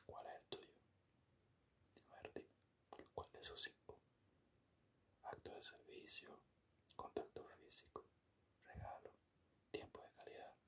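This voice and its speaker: A man in a whispered role-play as an affectionate boyfriend, speaking tenderly and intimately in a soft, breathy whisper close to the microphone. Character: affectionate, doting boyfriend murmuring sweet praise. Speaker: ASMR performer playing a boyfriend. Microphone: close-up microphone, at the ear.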